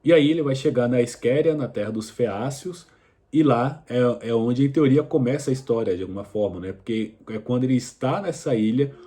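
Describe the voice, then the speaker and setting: Relaxed man retelling a myth casually. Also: mid-range voice, a little fast. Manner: relaxed retelling with frequent fillers and restarts; colloquial, addresses viewer directly. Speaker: history video host. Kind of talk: casual educational explainer.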